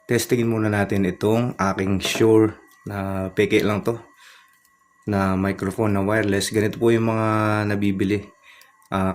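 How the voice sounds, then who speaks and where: A man giving a casual product review, calmly explaining features step by step in a polite way. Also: low voice.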